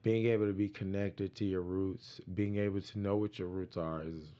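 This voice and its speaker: A man's voice: sits low, steady tone, moderate pace, clean tone. A man from Miami giving frank, rambling opinions in a casual recap chat, with many fillers. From Miami, Florida. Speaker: panelist. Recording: dull lo-fi audio.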